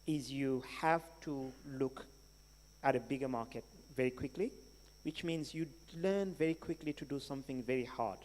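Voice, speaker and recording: Man, Senegalese accent, keynote speaker, middle-pitched voice, emphatic and conversational, long hall reverb. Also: darkish tone. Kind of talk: keynote question-and-answer talk. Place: large hall at a live event.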